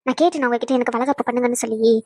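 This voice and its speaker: A woman voicing a stubborn, angry young pregnant wife in a cartoon, sharp and defiant. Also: a little high, no room sound, studio quality. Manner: sharp, defiant, rapid retorts.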